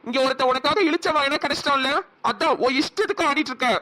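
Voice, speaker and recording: A woman voicing a hot-tempered, scolding young man in a cartoon, angry and rapid. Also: high-pitched, pushed and bright. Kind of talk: cartoon voice acting.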